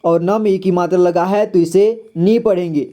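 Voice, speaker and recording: A man's voice: sits high, steady tone, normal speed, dull audio. Patient man teaching children to read. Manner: patient, repeats words, quizzes the viewer. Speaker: Hindi reading teacher. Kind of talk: slow classroom-style reading lesson.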